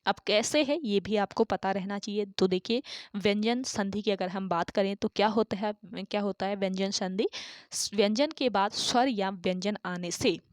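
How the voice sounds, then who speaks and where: Female online tutor, mid pitch, deliberate explainer, dead-dry room. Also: dry recording. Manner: asks questions then answers them herself; repeats key terms for emphasis. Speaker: Hindi exam tutor. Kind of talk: online exam-prep lesson.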